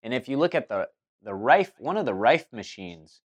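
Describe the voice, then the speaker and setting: Man, host, casual monologue, rambling, restarts sentences, ordinary middle pitch. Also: sing-song, moderate pace, breathy edge. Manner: rambling, many restarts and fillers. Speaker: spiritual talk host.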